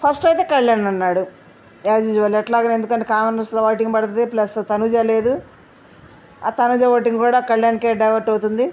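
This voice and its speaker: A woman's voice: on the high side, steady tone, brisk, a little mellow, a little hiss or hum. A woman giving casual commentary on a reality show, chatty and often asking viewers to leave comments.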